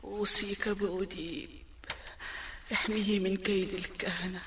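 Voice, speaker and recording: A woman's voice: mid-range voice, flat delivery, normal speed, a bit bright, a little hiss or hum, close to an everyday voice. An actress playing the dying queen Jocasta in a classic radio drama, speaking a weak, solemn farewell. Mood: faint. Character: dying queen and mother, grave and tender.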